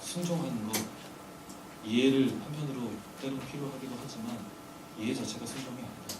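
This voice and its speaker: An earnest man delivers a sermon, pressing his listeners with rhetorical questions. His voice rings around a reverberant church hall and sounds picked up from some distance away. A steady hum of background noise sits under his words. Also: medium pitch, a little fast. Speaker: preacher. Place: church sanctuary during a weekday service.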